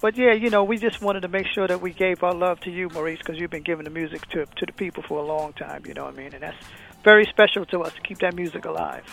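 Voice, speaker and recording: A man who is a singer, chatting as a guest on a radio show, chatty and quick to laugh. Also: high-pitched, fairly even intonation, gravelly, a bit bright, soft background music, low-quality recording. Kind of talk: casual on-air chat.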